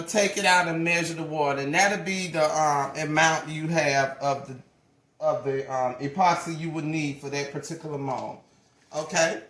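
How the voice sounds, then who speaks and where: A woman in her forties giving a casual hands-on craft tutorial, chatty and folksy, often correcting herself mid-sentence. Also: fairly low pitch. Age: 40s. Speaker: craft channel owner. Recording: roomy echo.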